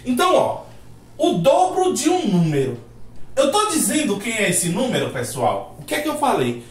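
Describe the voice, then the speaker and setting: A man's voice: very high voice, wildly swooping pitch, moderate pace. A man teaching a math lesson, asking rhetorical questions and acting out his students' replies. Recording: roomy echo.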